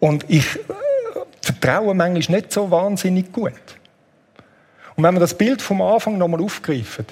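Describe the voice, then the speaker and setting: Earnest pastor, slightly high voice. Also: male voice, a little mellow, husky. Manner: earnest, conversational, slows down on key points; leads a guided meditation. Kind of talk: sermon.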